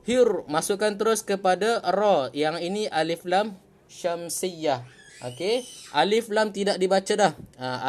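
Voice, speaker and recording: A man with a Malaysian Malay accent teaching Quran reading in a casual online lesson, patient and repeating each point, slowing down to recite examples. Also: high-pitched.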